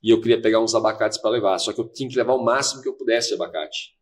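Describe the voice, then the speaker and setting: A man, a podcast guest, earnestly telling a personal story and replaying conversations as they happened. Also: lowish voice. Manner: fast, earnest, replays dialogue. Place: podcast studio.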